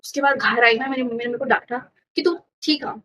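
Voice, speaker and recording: A woman's voice: on the high side, fast talker, poor audio. A young woman vlogger casually telling a funny story from her school days, acting out the lines of the people in it. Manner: chatty, animated retelling with quoted dialogue.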